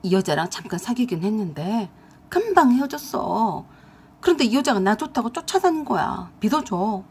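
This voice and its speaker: Brief: cornered young boyfriend voiced by a woman, defensive and pleading, voice dropped low, husky. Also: sing-song, normal speed.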